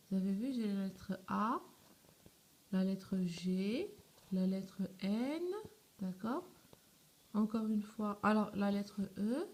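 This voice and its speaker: A woman's voice: medium pitch, mellow. A young woman teaching young children to spell, patiently asking questions, answering them herself and checking that they follow. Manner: patient, asks and answers her own questions; spells words letter by letter, often checks "d'accord?". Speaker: primary school teacher. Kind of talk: slow step-by-step spelling lesson.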